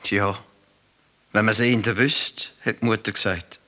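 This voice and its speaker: A man with a Swiss German accent reads a folk tale aloud in a dramatic storytelling manner. His voice is bright and forceful, sitting a little low, and he moves readily into the voices of the people in the story. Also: steady tone, moderate pace. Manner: dramatic, shifts into quoted voices. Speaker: narrator.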